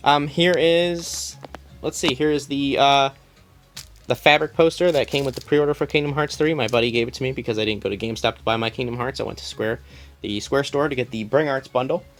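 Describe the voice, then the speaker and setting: A young man tours his collection for a phone camera inside a small room at home, casual and rambling, with frequent ums and false starts. His mid-range voice stays steady and fairly bright, moving a little fast, while soft music plays.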